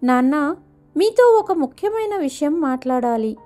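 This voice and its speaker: A woman's voice: high-pitched, animated, a little slow, dark tone, faint music behind. A woman voicing a defiant young man, a grown son who talks back sharply. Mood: earnest.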